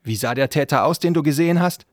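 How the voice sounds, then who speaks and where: A man's voice: a little high, fairly quick, a bit bright, dry recording, clean studio sound, pitched above the performer's own voice, natural voice. A man voicing an angry young male sorcerer prince who speaks in a harsh, commanding tone.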